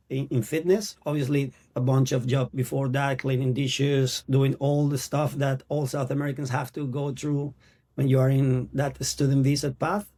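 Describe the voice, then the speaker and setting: A Venezuelan man in his thirties, a native Spanish speaker with a Venezuelan Spanish accent, tells his story as an actor guest in a casual interview. His mid-range, dark voice carries earnest, halting non-native English.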